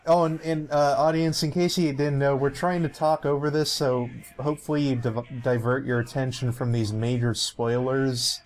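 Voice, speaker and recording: A man's voice: medium pitch, fairly even intonation, normal speed, hardly any pauses, a little mellow. A young man giving casual let's play commentary, rambling with many fillers and restarts and laughing often.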